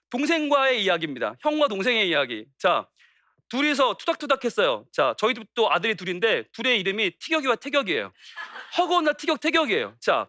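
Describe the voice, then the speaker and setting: A middle-aged male pastor giving an animated lecture to church school teachers, acting out parents and children in quoted lines. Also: extremely high pitch, dry recording, studio quality.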